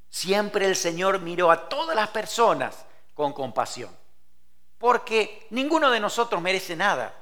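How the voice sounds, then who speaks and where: A man preaching a sermon, swinging his voice up and down and acting out scripture dialogue as he tells it. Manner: expressive preaching with wide swings in pitch and loudness; quotes and acts out scripture dialogue.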